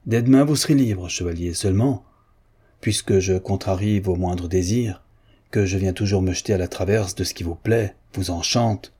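A man's voice: sits low, moderate pace, dark tone, husky. A man voicing a proud, hurt young woman in disguise. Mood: hurt, pleading. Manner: pleading, reproachful.

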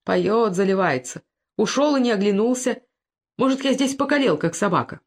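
A woman's voice: mid-range voice, lively intonation, normal speed. A woman voicing a burly, simple-minded peasant thief who complains in a whimpering folk speech. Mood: plaintive.

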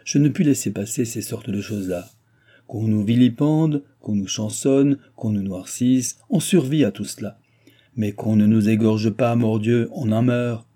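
Man doing a flattering courtier viscount, emphatic, dark husky voice. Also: lowish voice, brisk, hardly any pauses. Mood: indignant. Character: scheming male viscount, smooth courtier. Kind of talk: audiobook reading.

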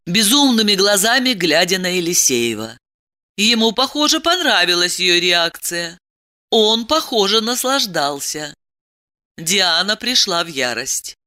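Expressive woman reading a novel aloud. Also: fairly low pitch, measured pace. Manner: expressive, dramatic storytelling. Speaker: narrator. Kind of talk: audiobook reading.

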